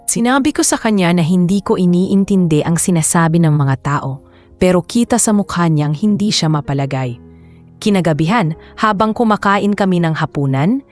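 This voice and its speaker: Low-voiced woman narrating a love story. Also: a little mellow. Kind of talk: scripted first-person story narration.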